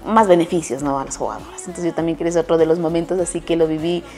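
A woman sports journalist with an Ecuadorian Spanish accent chats through casual interview answers and stories, restarting and correcting herself often. She talks very fast in a low-pitched, slightly mellow voice, with faint music in the background.

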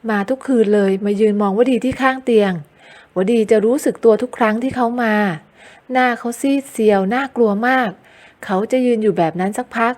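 A woman's voice: a little high, a little fast, a little mellow, lightly acted. A woman voicing an anxious, sleepless young woman who speaks plaintively and politely in an audio novel. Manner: plaintive, polite ending particles. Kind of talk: audiobook character voice.

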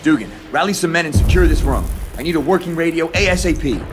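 An actor playing a resolute young American super-soldier captain, firm and clipped, in an action video game. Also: male voice, on the high side, expressive, quick pace, over music, lightly acted. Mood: determined. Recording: loud game score and effects.

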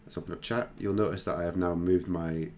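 A man hosting a screen-recorded software tutorial, talking casually and thinking aloud with plenty of fillers. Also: deep voice, steady tone, a little fast, a little hiss or hum. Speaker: tutorial host.

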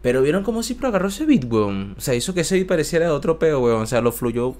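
A man with a Venezuelan accent, casually reacting to rap verses on a stream in a slangy, excitable way. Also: fairly high pitch, fast, slight background noise. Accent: Venezuelan Spanish. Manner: slangy, excitable, keeps saying "brother" and "¿me entiendes?".

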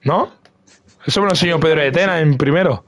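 A young man streaming a football video game live, giving excitable running commentary on his own play and repeating words. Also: on the high side, fast. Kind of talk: live gaming stream chat with friends.

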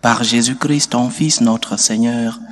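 A man leading prayers and reading the gospel as a priest, reciting slowly and solemnly. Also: medium pitch, steady tone. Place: church. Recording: long church reverb.

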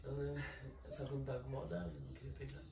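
A man from Brazil chatting casually as a guest, talking quickly and defending himself. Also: medium pitch, little pitch movement, creaky, far from the mic. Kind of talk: casual chat. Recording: roomy, from off mic, with room noise.

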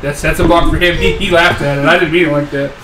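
A man co-hosting a podcast, joking loudly and swearing in casual banter with friends, laughing often. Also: a little high, fairly even intonation, fast talker, crowd noise. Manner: loud, crude and profane, laughs often. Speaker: podcast co-host. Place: small room indoors, fan running. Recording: echoey room with background noise.

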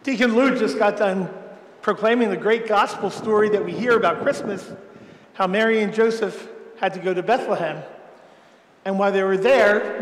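High-voiced priest telling a Christmas story. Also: male voice. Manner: simple storytelling, speaking to children. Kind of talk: Christmas homily told as a story. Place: large church. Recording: echoey church with long reverb.

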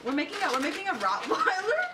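A young woman chats excitedly for her vlog, her voice high and swooping up and down. She giggles often and talks in quick, excited bursts. Loud noise fills the hotel room around her. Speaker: vlogger. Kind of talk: casual chat.

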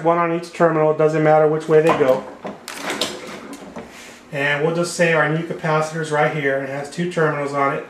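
A man's voice: fairly high pitch, a little hiss or hum. A man explaining HVAC wiring step by step while he draws on a whiteboard, recorded by a camera over the board. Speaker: HVAC repair instructor. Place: indoor room at a whiteboard table. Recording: echoey room sound.

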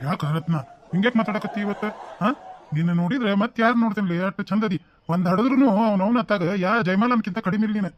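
Sly cartoon landlord, North Karnataka accent, rapid-fire coaxing, dry close sound, man voicing him. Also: sits high, no room sound, dull audio, lightly acted. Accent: North Karnataka Kannada. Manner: coaxing, flattering, evasive. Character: doting, sly village landlord husband. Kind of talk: cartoon voice acting.

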